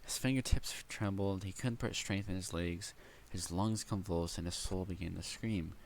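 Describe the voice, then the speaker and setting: Young guy reading a light novel out loud, low gravelly voice, trips on words, keeps stopping to react, bit of hiss in the background. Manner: reads haltingly with slips, breaks off to react excitedly. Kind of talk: casual read-aloud with commentary.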